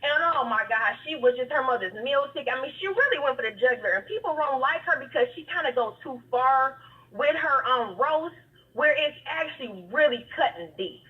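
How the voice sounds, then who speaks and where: A woman's voice: high-pitched, lively intonation, brisk. A talkative woman calling in to a talk show over the phone, chatting casually in informal, slangy speech. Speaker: caller to an online talk show. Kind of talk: casual chat. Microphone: phone call. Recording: muffled, distant phone-call sound.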